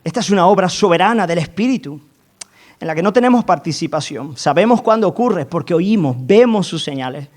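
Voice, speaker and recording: A man's voice: sits high, lively intonation, fairly quick, a little mellow. A male pastor preaching a sermon with fervor, building to emphatic peaks, often asking the congregation to agree, and repeating words as he restarts. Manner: fervent, rising to emphatic climaxes, asks the congregation for affirmation.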